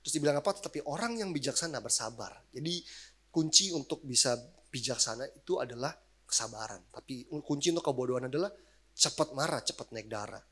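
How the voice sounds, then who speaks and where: A man, a pastor giving a casual sermon, animated and slangy in his asides. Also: mid-range voice, fast talker, breathy edge.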